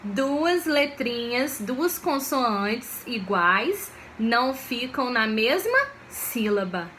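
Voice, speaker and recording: A woman teacher, giving a video lesson for children in a slow, patient way and often checking that they follow. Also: a little high, expressive, fairly bright tone, slight background noise. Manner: slow, patient, checks understanding with frequent questions.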